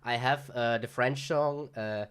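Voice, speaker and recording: A man's voice: mid-range voice, fairly even intonation, a little slow, fairly bright tone, clear, resonant tone. A young man casually commentating a card game livestream, rambling with fillers and laughs.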